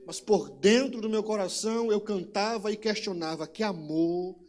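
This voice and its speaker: A man's voice: sits high, moderate pace. A man with a Brazilian Portuguese accent preaching a sermon, telling personal stories and repeating rhetorical questions with emphasis. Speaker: pastor.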